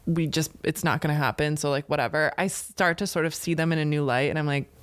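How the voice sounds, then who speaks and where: A young American woman hosting a podcast, reacting with gasps and quick jokes. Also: low voice, clear, resonant tone, no room sound. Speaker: podcast host. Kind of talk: casual chat.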